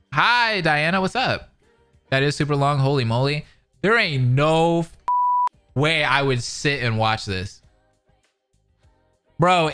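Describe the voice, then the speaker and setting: A mid-range, bright, forceful voice belongs to an American streamer who reacts and commentates while casually chatting with viewers and reading their comments, all in laid-back slang.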